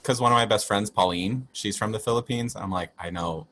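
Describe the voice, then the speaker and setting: A man hosting a casual group chat, playful and quick to laugh. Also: fairly low pitch, pushed and bright. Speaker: host.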